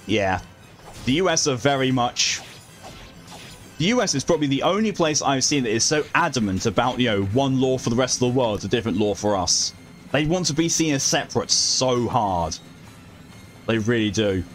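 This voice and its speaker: A man's voice: medium pitch, expressive, moderate pace. A man streaming a video game, chatting casually in a rambling, wry way with some swearing. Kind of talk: casual live game commentary and chat. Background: game music.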